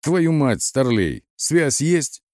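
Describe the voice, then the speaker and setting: Brief: a man doing a crude, raging soldier, loud and hard, voice pushed well up. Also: fairly high pitch, sing-song, extremely slow, dry recording, clean studio sound, pitched above the performer's own voice, heavily acted. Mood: furious. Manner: roaring, swearing. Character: brutal shouting male soldier, crude and furious.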